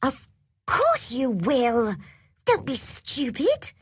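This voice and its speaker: A woman's voice: high-pitched, sing-song, slow, no room sound, studio quality, pitched above the performer's own voice, full character voice. A woman voicing a blunt, curious young girl in a storybook reading. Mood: earnest.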